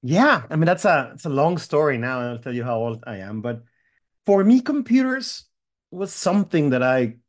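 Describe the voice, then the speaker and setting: A tech company founder from Mexico chats as a guest in an interview, friendly and rambling, with many fillers and restarts. His fairly high voice swings widely in pitch at a normal speed.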